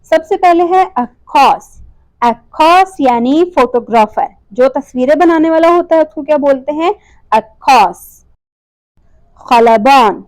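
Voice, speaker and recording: A woman teaching a language lesson over slides, repeating each word slowly and asking and answering her own questions. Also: sits high, darkish tone, no echo, poor audio.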